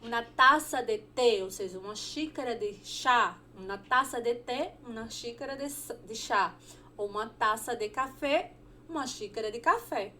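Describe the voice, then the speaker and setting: A Brazilian woman teaching a Spanish lesson, repeating each word slowly and checking in with short questions. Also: on the high side, bright, forceful tone, slight background noise. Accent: Brazilian Portuguese. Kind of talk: online language lesson.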